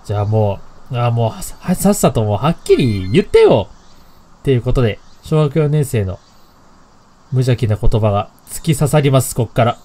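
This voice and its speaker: A man's voice: mid-range voice, very animated, moderate pace, dark tone. A man playing a horror game, commenting casually, reading lines aloud and joking. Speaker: game streamer.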